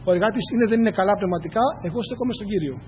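A man's voice: high-pitched, a little hiss or hum. A man preaching a church sermon, earnest and repetitive, speaking straight to his congregation. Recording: echoey hall, dull lo-fi sound.

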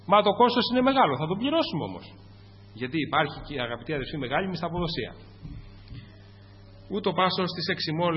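A Greek man preaching a fervent sermon to his congregation, rising to loud peaks and dropping to low asides. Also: husky. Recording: muffled, echoing church recording.

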